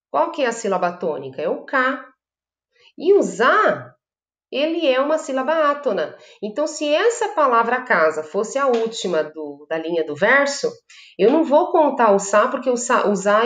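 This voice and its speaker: A Brazilian woman teaching a literature class, explaining patiently and often checking in with her students. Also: fairly high pitch. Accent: Brazilian Portuguese. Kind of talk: online class lecture. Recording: echoey room.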